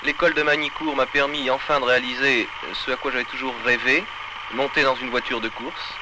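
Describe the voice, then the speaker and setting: Eager young racing student, hissy film. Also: male voice, medium pitch, steady tone, fairly quick. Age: 20s. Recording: hissy 1960s film sound.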